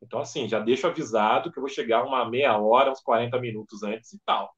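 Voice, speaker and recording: A man, a podcast guest and event organizer, telling stories in lively fashion and acting out dialogue. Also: mid-range voice, fast. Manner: animated storyteller acting out dialogue. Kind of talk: casual podcast storytelling. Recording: dull lo-fi podcast audio.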